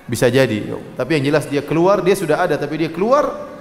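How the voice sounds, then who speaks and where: A male Islamic preacher with an Indonesian accent giving a religious lecture, slowly reciting Arabic hadith, then explaining them with rising emphasis and frequent checking fillers. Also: on the high side, animated. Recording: echoey hall with faint ambience.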